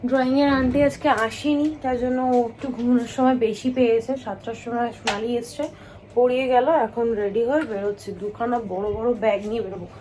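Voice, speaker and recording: A woman's voice: fairly high pitch, steady tone, fast talker, dark tone, slight background noise, low-quality recording. A woman chatting casually to her viewers in a daily home vlog. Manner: chatty, addresses viewers directly. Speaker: vlogger.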